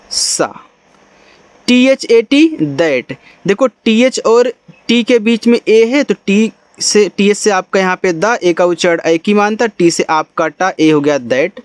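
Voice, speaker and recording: A man's voice: high voice, expressive, measured pace, no room sound. A man teaching English reading in a patient lesson, spelling each word letter by letter, then sounding it out and repeating it. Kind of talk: Hindi-language phonics lesson, spelling out English words letter by letter.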